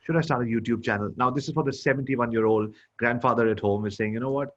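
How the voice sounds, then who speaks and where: A man's voice: medium pitch, fast talker. Male host posing long scenario questions. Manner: asks long questions built on imagined scenarios. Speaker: interview host. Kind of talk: interview questions. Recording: dull lo-fi sound.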